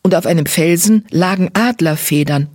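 A reader doing Sturmpelz, a calm grey tomcat. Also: mid-range voice, moderate pace, dry recording, studio quality, close to an everyday voice. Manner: calm and composed. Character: broad-shouldered grey tomcat, calm patrol leader.

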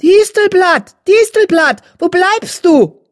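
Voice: medium pitch, moderate pace, darkish tone, natural voice. A narrator voicing an impatient, grumpy male cat warrior who scolds others, in a German audiobook. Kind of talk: audiobook character voice.

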